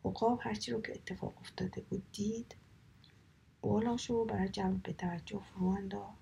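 A woman whispering a children's folk tale aloud in a soft, calm reading manner. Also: mid-range voice, creaky, slight background noise. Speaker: storyteller. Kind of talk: whispered storytelling.

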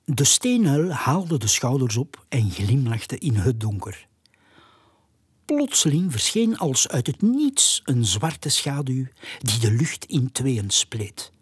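A breathy storyteller reads a children's storybook at an unhurried pace, with hushed, half-whispered narration. The pitch moves freely as the story goes along, and the close, dry sound has no room echo. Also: big pitch swings. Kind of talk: storybook reading aloud.

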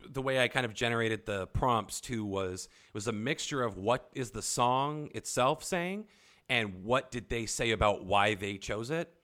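A young man co-hosting a podcast, telling stories in animated casual chat and swearing often. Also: fairly low pitch. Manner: animated storytelling, frequent swearing. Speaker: podcast co-host.

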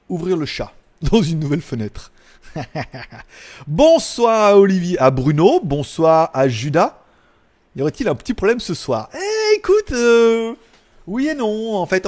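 High-voiced chatty man hosting a live stream. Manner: chatty, rambling, excitable. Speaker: live tech show host. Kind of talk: casual live-stream chat.

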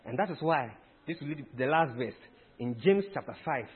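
A man's voice: medium pitch, expressive, moderate pace, husky. A man preaching a teaching sermon, emphatic and quizzing his listeners with questions. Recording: tinny phone-like sound.

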